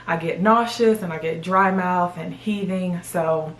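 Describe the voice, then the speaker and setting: Lower-pitched woman vlogger chewing gum, roomy sound. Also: measured pace. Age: 30s. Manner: talking while chewing gum; emphatic, confident, repeating phrases. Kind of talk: casual talk to camera. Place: bedroom, sitting on a bed. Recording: roomy indoor echo.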